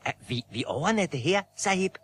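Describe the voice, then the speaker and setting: An actor playing a loyal, cautious mountain guide who speaks in broken, halting sentences, in a radio play. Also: male voice, a little high, sing-song, husky. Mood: worried. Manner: broken halting speech, urgent warnings. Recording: noisy old radio-play recording.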